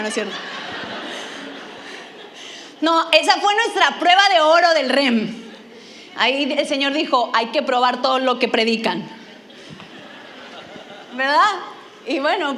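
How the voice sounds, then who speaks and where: A woman's voice: high voice, a bit bright, a little hiss or hum. A woman from Mexico, preaching a sermon and telling a funny personal story, acting out her own lines with animation.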